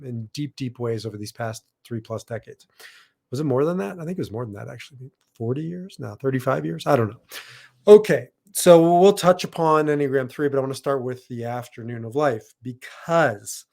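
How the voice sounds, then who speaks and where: Middle-aged guy rambling thru a solo podcast, stops to fix himself a lot, average pitch. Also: darkish tone. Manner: rambling, self-correcting, with asides. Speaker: podcast host and logotherapist. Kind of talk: casual solo podcast talk.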